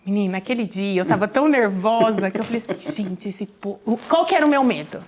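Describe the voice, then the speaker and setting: A Brazilian woman sharing a personal testimony, telling it with lively voices for the people in her story. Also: mid-range voice, fairly quick, slight background noise. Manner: animated, acts out quoted dialogue, addresses listeners as "gente".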